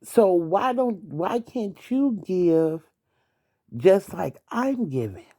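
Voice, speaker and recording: A woman's voice: lowish voice, animated, slow pace, warm tone. A young adult woman hosting a late-night podcast, venting bluntly about her ex, swearing and talking straight at him. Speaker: podcast host.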